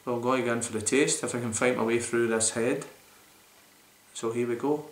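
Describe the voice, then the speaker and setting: A man's voice: medium pitch, fairly even intonation, normal speed. A man in his forties, rambling enthusiastically with lots of fillers as he reviews a beer to camera in a small room. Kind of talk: casual beer review vlog. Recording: roomy echoey home recording.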